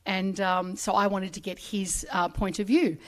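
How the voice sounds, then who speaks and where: Her mid-range voice moves little in pitch and keeps a moderate pace. She is a middle-aged Australian woman who grew up speaking Arabic, giving an emotional, conversational speech at a public ceremony while voicing the characters in her stories.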